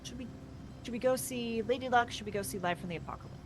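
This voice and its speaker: A woman's voice: a little high, fast, background noise. A woman hosting a co-op game stream, chatting casually and thanking viewers in an upbeat way. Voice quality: chatty, upbeat sign-offs. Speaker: streamer and host.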